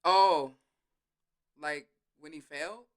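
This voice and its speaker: A woman's voice: low voice, drawn-out words, clean tone. A young woman co-hosting a podcast, chatting casually in a laid-back, slangy, bantering way. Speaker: podcast co-host. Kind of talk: casual chat.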